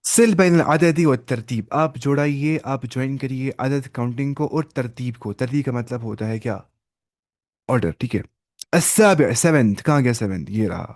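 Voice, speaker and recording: A man's voice: medium pitch, darkish tone, dry recording. Patient male Arabic teacher, dry sound. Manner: explains slowly, switching between Urdu, Arabic and English, often repeating words. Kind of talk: online class teaching.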